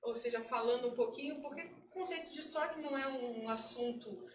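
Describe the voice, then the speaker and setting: A woman's voice: sits high, normal speed, a little hiss or hum. Chatty Carioca woman, roomy hall. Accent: Carioca Portuguese. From Rio de Janeiro, Brazil. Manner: chatty, talkative, laughs easily. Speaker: guest speaker. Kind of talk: informal tech talk at a meetup. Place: event room at a meetup. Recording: roomy hall from a distant mic.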